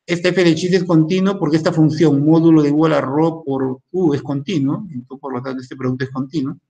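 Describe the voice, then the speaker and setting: Lecturing man, high voice, asks "¿no?" a lot. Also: steady tone, a little fast, dark tone, dull audio. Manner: thinks aloud, stops himself often to ask "¿no?". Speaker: math lecturer. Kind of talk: recorded university math lecture.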